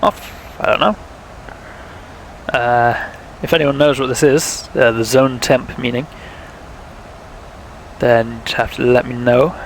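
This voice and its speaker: A man's voice: mid-range voice, steady tone, slow, pauses often, a little hiss or hum, poor audio. A young man, chatting casually while streaming a flight sim, thinking aloud and talking to viewers, with a sore throat. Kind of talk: casual live-stream commentary.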